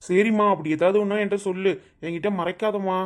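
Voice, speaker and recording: Woman voicing a gentle cartoon son. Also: medium pitch, steady tone, fast, natural voice. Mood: concerned. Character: grown son, gentle and obedient.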